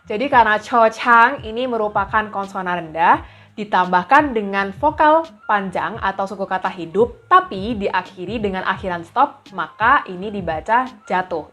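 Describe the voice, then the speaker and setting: A woman's voice: medium pitch, fairly bright tone. Woman language tutor, patient, repeats drill syllables; faint music bed underneath. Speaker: language teacher. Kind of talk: explaining lesson.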